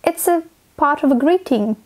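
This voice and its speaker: A young woman from Russia with a Russian accent, telling stories in a scripted talking-head vlog, expressive and acting out little scenes. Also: high voice, normal speed. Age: young adult. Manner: expressive, acts out little scenes with her hands. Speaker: vlogger. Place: small dim room indoors.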